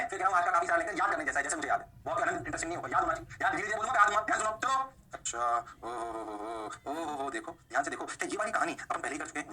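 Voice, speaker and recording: A man teaching physics in a lively lecture, mixing Hindi and English and answering his own questions in a lower voice. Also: distant mic.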